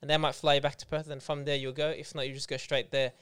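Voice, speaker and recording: A man's voice: on the high side, flat delivery, quick pace, fairly bright tone, clean tone. An Australian man chatting casually as a podcast panellist. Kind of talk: casual chat.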